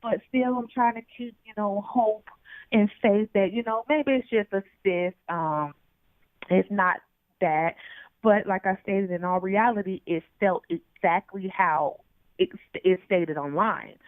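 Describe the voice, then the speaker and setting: A woman's voice: mid-range voice, measured pace, no echo. Woman on a tinny phone line. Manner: hesitant, many fillers. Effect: heard over the phone. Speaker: interview guest. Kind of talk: personal story told in an interview.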